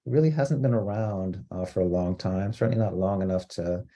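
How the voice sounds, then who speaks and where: A man from Costa Rica giving an online training lecture, explaining terms in a measured way with frequent fillers. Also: sits low, mellow. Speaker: diversity trainer.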